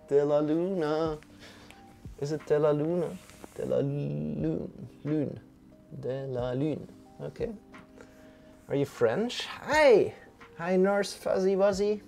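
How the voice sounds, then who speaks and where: A young Swiss man hosts a live-streamed yoga class, welcoming viewers loosely and warmly while often restarting his sentences. His voice sits on the high side, creaky with a darkish tone.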